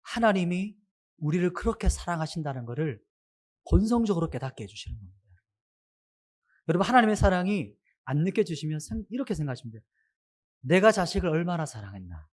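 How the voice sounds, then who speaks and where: A man's voice: high-pitched, fast. A man preaching a sermon to his congregation, asking them many questions. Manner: asks the congregation many questions, animated rise and fall.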